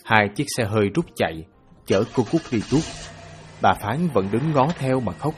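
A man narrating a novel as an audiobook in a steady storytelling manner. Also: mid-range voice, moderate pace, faint music behind.

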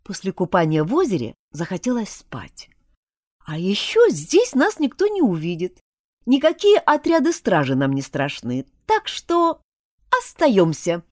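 A woman narrating an audiobook in the first person, in a wry, expressive way. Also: mid-range voice, measured pace, no room sound, clean studio sound.

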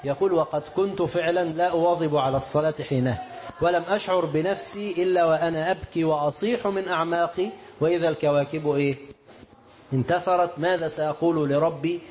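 This male preacher, with an Egyptian Arabic accent, delivers a sermon by telling stories that blend classical quotations with colloquial asides to his listeners. His voice is fairly high and darkish in tone, with slight background noise.

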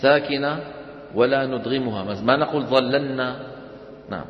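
Brief: male Quran teacher, fairly high voice, quizzes the class, recorded lo-fi in a roomy lecture hall. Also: expressive. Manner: asks the class questions and answers them, chants verses slowly. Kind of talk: classroom tajweed lesson.

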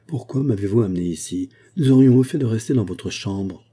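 A man with a lowish, husky, mellow voice speaks animatedly and fairly quickly. He's voicing a cheerful, motherly young seamstress who chattily coaxes her friend.

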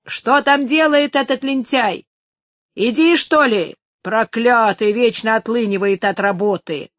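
A woman voicing a crowd of quarrelling male laborers who shout and curse, in a story reading. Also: a little high, a little slow, no room sound, lightly acted. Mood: angry. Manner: shouting, cursing.

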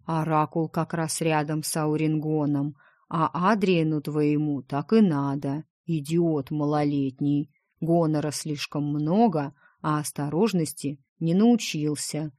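Woman voicing a gruff male dragon, low voice, slow, blunt, teasing, dry recording. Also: steady tone, darkish tone, no room sound. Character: gruff grumbling male dragon, protective friend. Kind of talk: audiobook character reading.

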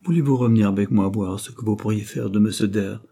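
A man's voice: fast, creaky, dark tone. A man reading an audiobook, voicing a frantic, ruined middle-aged woman who pleads insistently for help. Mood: desperate pleading. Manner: shrill, hand-wringing, insistent.

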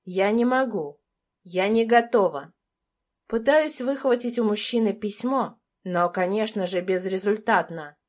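A young adult woman reading a first-person romance audiobook as an anxious, tense inner monologue. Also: mid-range voice. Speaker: audiobook narrator.

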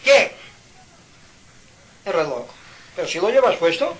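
A man from Mallorca, giving an informal spiritual talk at home in an animated, preaching manner with rhetorical questions and sudden loud outbursts. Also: on the high side, unhurried, slight background noise, rough recording. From Mallorca, Spain. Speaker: spiritual speaker.

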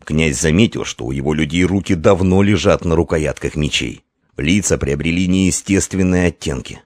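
A man narrating a historical adventure audiobook in a measured, expressive manner. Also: rumbling low, dry recording, studio quality.

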